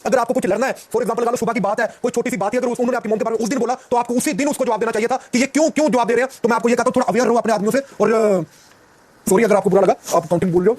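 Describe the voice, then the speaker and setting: A man's voice: very high-pitched, racing, a little mellow, no room sound. A man on a reality show, lecturing and warning another contestant during an argument. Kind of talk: heated argument.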